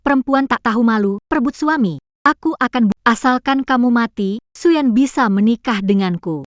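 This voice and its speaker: Casting: female actor for obsessive jilted ex, high voice, overwrought and defiant, melodrama dub, dry dull recording. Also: moderate pace, no room sound, lightly acted. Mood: hysterical rage. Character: desperate, obsessive jilted young woman crashing a wedding. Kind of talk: dubbed melodrama acting.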